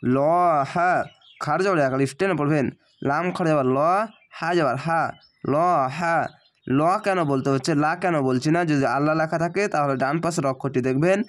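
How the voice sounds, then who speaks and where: Male reading teacher, patient letter-by-letter spelling, drawn-out recitation, slightly high voice. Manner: spells letters and vowel marks, then recites words slowly and drawn out.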